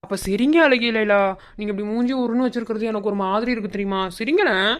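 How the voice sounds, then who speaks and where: A woman's voice: fairly high pitch, fast, natural voice. A woman voicing a devoted, protective young college man in a cartoon, earnest and coaxing. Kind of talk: Tamil cartoon voice acting.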